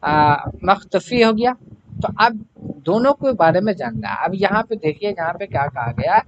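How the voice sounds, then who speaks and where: A man's voice: sits high, expressive. A male language teacher walking through exam-prep questions, repeating each question to the class and then answering it himself. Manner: fills pauses with "है ना". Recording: dull lo-fi recording with clear background noise.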